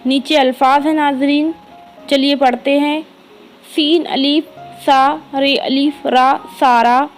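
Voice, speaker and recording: A woman with an Indian accent, teaching an early reading lesson by spelling words out letter by letter, slow and drawn-out. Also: sits high, fairly even intonation, soft background music, low-quality recording. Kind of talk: spelling lesson for young children.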